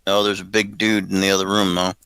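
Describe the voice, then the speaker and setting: Man, player at the table, deep and bright, casual questions. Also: little pitch movement, fast, clean tone, dry recording, rough recording. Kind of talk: casual tabletop game chat.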